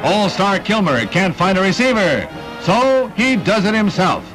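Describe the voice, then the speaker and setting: A man announcing sports in an old 1960s newsreel recording, with a brisk, punchy play-by-play delivery. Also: high-pitched, sing-song. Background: loud music.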